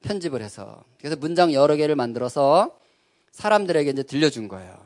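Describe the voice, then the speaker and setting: Male speaker, slightly high voice, animated sermon delivery built on question-and-answer with the audience. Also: brisk. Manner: keeps asking the audience questions and answering them; conversational and animated. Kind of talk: sermon-style talk.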